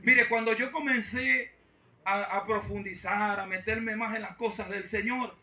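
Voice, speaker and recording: A man preaches to his congregation, his very high and bright voice calling to them again and again. He stands well back from the mic, and the church hall rings around him. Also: steady tone, unhurried. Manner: preaching with repeated call-outs to the congregation. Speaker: pastor. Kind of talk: sermon. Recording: echoey church hall from far off.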